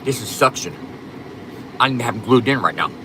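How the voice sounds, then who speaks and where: A man's voice: mid-range voice, expressive, quick pace, background noise. A man chatting casually on a livestream in a blunt, profane, rambling way, his speech slightly slurred and lisping as with loose new dentures. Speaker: livestream host.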